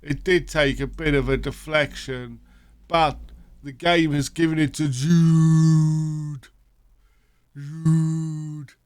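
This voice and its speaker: Yawning and sleepy, this gaming channel host gives casual let's-play commentary on a football management game, thinking aloud and rambling with lots of fillers. He has a fairly high, steady voice at a moderate pace with hardly any pauses, captured in a clean studio with no room sound.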